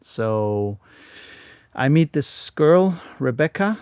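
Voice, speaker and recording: A man in his forties with a Danish accent, telling his life story as a guest in a halting, repeating way. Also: medium pitch, very animated, darkish tone, smooth, dry recording, clean studio sound. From Denmark. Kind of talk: casual interview storytelling. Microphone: studio microphone.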